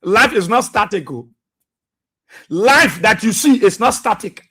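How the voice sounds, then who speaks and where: This radio talk show host has a Liberian English accent and an expressive, slightly slow voice with a breathy edge. Full of fillers and repetition, he urges listeners on, sounding subdued and low during birthday greetings before getting loud and preachy.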